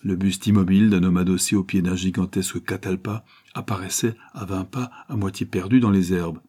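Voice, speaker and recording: A man reading a classic novel aloud as audiobook narrator, measured and even. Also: low-pitched, slightly rough.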